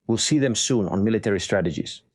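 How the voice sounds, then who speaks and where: Man, breaking news live commentary, lowish pitch, dry close sound, explanatory, emphatic repetition. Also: animated, fast talker, darkish tone, slightly rough, no room sound. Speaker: live stream host.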